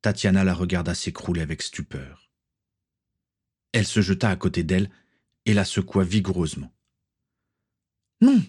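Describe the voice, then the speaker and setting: Low husky male storyteller. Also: moderate pace, long pauses, a little mellow. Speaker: narrator. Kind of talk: audiobook narration.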